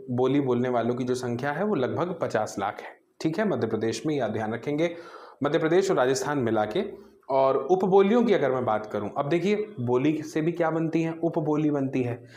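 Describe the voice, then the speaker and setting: A man's voice: medium pitch, darkish tone, roomy sound. A man teaching an exam-prep grammar lecture, explaining step by step and answering his own questions.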